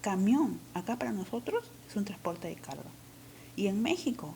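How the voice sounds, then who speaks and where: A woman's voice: mid-range voice, very animated, moderate pace, creaky, warm tone, slight background noise. A woman teacher with a Peruvian accent, patiently explaining a language lesson step by step. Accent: Peruvian Spanish.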